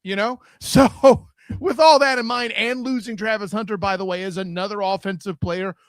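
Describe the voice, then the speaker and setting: A man talking sports as a host in a loud, sharp voice, emphatic and excitable to the point of yelling. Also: sits high, moderate pace, no room sound, studio quality. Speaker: sports talk show host. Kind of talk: opinionated sports talk.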